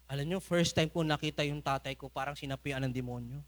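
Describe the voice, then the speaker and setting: Speaking fast in a somewhat high voice, this Filipino-accented man delivers a church sermon full of funny stories. Frequent laughter punctuates his humorous storytelling.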